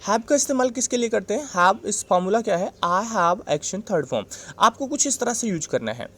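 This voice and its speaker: A male English teacher with an Indian accent walks through a grammar lesson step by step. He repeats each point patiently and keeps pausing to check that the class is following. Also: high-pitched, big pitch swings, a bit bright. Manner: patient, repetitive, checks in with "right?".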